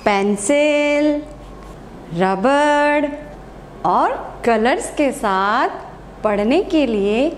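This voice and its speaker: A high-voiced woman with an Indian accent teaches a Hindi class to small children, speaking very slowly and in a lively sing-song. She asks each question and then answers it herself, drawing out every word. Her voice echoes in a room, with a faint hiss behind it. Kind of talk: slow kindergarten lesson.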